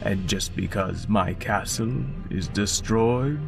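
A man voicing a scheming male shark villain in a bedtime story, with a slow, gravelly drawl. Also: fairly low pitch, over loud music, pitched below the performer's own voice. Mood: menacing.

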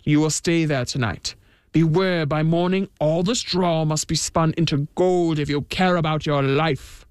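A greedy old king gives orders in a low, commanding voice, as a woman narrator puts him on. The sound is dry and close. He is stern and leaves no room to argue. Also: steady tone, unhurried, darkish tone, clean tone, dry recording.

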